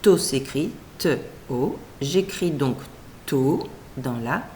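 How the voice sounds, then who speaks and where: A woman's voice: rumbling low, very animated, slow pace, dark tone, slight background noise. A woman teacher reading out a scripted reading lesson for young children, splitting words into careful syllables and encouraging the child.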